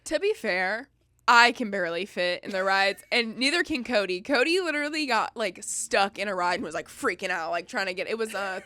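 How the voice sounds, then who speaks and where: A young woman, co-hosting a podcast in quick, joking, slangy chat. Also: mid-range voice, animated, sharp tone. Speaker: podcast co-host. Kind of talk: casual chat.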